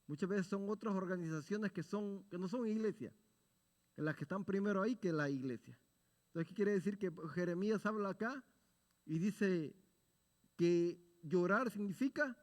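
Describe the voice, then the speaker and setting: A man teaching a Bible study sermon in an earnest, exhorting tone, asking his listeners rhetorical questions and answering them himself. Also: sits high. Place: church sanctuary. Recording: long reverb of a church hall.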